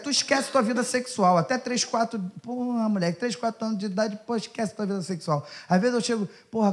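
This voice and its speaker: A man with a Carioca accent doing a stand-up set in a comedy club, brash and profane, teasing the audience. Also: high-pitched. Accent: Carioca Portuguese. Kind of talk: stand-up set with crowd work. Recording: live club crowd laughter and noise.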